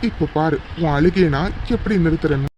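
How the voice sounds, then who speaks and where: A man's voice: fairly high pitch, a little fast, dull audio, over loud music, natural voice. A young man voicing a devoted young lover in a cartoon, speaking earnestly and affectionately with a teasing edge. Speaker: narrating voice actor. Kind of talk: cartoon voice acting.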